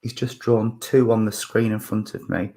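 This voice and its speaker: His voice husky, lowish and warm, with little pitch movement, a man in his fifties gives a spiritualist mediumship reading. He thinks aloud haltingly, with many fillers and restarts.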